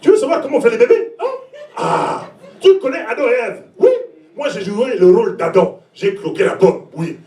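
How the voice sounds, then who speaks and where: A man's voice: very high voice, lively intonation, moderate pace, warm tone, recorded from a distance, voice pushed up. Man doing a melodious Congolese-accented dad, scolding, heard from afar in an echoey room. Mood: mocking. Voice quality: melodious, romantic. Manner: teasing, scolding. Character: blunt African father, melodious voice.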